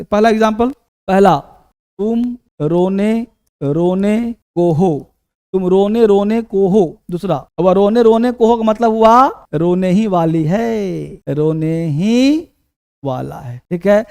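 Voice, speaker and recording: A man with a Hindi accent, a high voice for a man, teaches spoken English in a live online lesson. He repeats example sentences over and over and keeps checking that his students are following along. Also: darkish tone, smooth. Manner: drills example sentences, coaxing students with "samajh pa rahe ho na".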